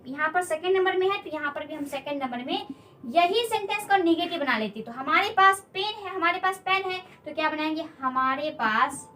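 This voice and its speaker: A woman's voice: sits high, pushed and bright, a little hiss or hum. A woman teaching a spoken English lesson at a board, patiently repeating key points and asking learners questions.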